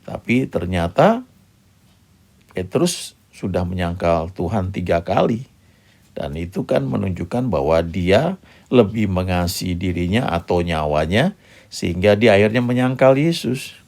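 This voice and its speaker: A man's voice: sits low, lively intonation, unhurried, vocal fry, a little mellow. A man preaching a sermon, explaining patiently and checking in with his listeners with little "ya" asides.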